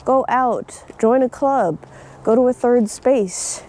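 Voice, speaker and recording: A woman's voice: on the high side, takes it slowly, dark tone. Blunt young woman vlogging outdoors. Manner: blunt, swears freely, laughs often. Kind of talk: casual opinion vlog. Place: outdoors in nature.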